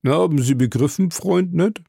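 A man's voice: fairly high pitch, normal speed, vocal fry, dark tone, breathy edge, no echo, clean studio sound, voice pushed up. A man reading an audiobook, voicing an earnest, pedantic servant who lectures on classification. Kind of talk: audiobook character voice.

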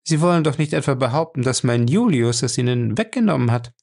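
A man voicing a calm, firm young woman in an audiobook who speaks with cool sarcasm. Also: medium pitch, a little fast, gravelly. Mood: cool ironic.

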